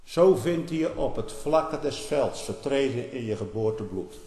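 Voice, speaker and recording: A man preaching a sermon in a fiery way, dropping to quiet asides and then rising to loud outbursts. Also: medium pitch, animated, a little slow. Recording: echoey hall with long reverb.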